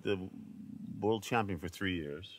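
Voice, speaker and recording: A man hosting a podcast, retelling a news story in a rambling, animated way with many restarts. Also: low voice, measured pace, slight background noise. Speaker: podcast host. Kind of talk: casual chat, storytelling.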